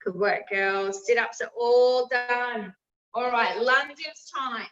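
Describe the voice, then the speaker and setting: A woman's voice: on the high side, takes it slowly, fairly bright tone. A woman leading a group workout as fitness instructor, giving encouraging cues and instructions. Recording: roomy, distant mic, slightly dull.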